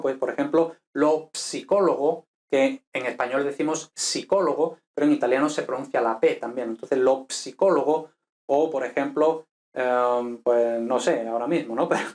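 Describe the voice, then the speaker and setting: A man's voice: medium pitch, normal speed, a little mellow. A man teaching an online grammar lesson, explaining step by step and often checking with tag questions and fillers. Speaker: language teacher.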